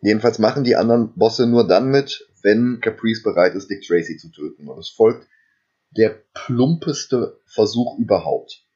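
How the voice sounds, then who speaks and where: A man's voice: on the low side, moderate pace, warm tone, husky, dull audio. A man co-hosting a casual film podcast, retelling the plot at length with dry asides. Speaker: podcast co-host recapping a film. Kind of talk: casual chat.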